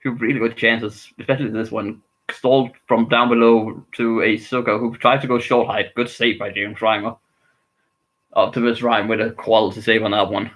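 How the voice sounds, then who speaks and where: A man's voice: on the low side, level tone, moderate pace, fairly bright tone, poor audio. Man streaming live hockey reactions. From Denmark. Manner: casual, rambling, frustrated with his team.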